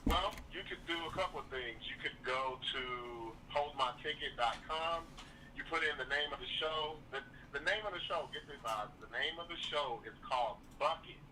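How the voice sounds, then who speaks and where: A man's voice: on the high side, moderate pace, bright, forceful tone, slight background noise. Easygoing man calling in from far off. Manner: easygoing, promotional. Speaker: caller, comedian. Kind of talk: casual phone-in chat.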